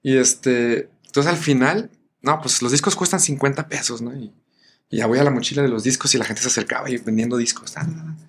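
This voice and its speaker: A Mexican-accented man tells a story as a guest on a talk show. His voice sits at an ordinary pitch for a man, and his delivery is animated and conversational. He slips into the voices of the people in his story and fills the pauses with small fillers, with a faint hiss of noise behind him. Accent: Mexican Spanish. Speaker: guest musician. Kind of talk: casual storytelling.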